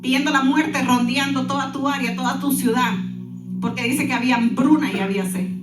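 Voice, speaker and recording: High-voiced woman pastor preaching. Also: a little fast, reverberant, distant mic, loud music behind the voice. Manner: animated preaching with asides. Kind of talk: sermon.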